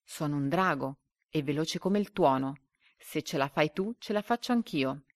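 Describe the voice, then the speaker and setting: A woman's voice: sits low, moderate pace, no echo, clean studio sound, natural voice. A woman voicing a proud, bold kite dragon in a storybook reading. He speaks in a defiant way.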